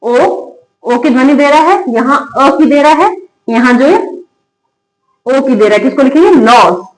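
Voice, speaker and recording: A woman with a high voice teaches English phonics in a classroom manner. She poses a question and answers it herself, and she drills example words slowly. The sound is roomy and echoey. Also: expressive. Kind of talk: classroom-style phonics lesson. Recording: echoey room.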